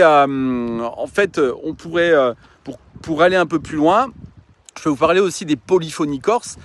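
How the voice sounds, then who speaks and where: A man with a fairly high voice gives an earnest, reflective talk to his followers. He often pauses on fillers and restarts his sentences as he thinks aloud. His pitch sits a little above most men's. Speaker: coach and mountain guide. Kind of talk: casual informal talk to followers.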